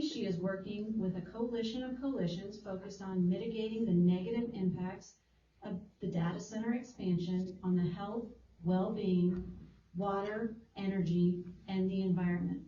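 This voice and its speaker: A woman introducing speakers at a public town hall meeting, friendly and halting with fillers. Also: medium pitch, warm tone, slight background noise. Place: large echoey public hall. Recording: dull roomy recording from far off.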